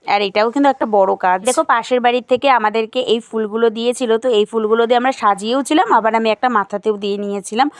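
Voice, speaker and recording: A woman's voice: medium pitch, dry recording. A young woman, casually narrating her own vlog and chatting to viewers. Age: young adult. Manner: chatty, addresses viewers as "guys". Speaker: vlogger.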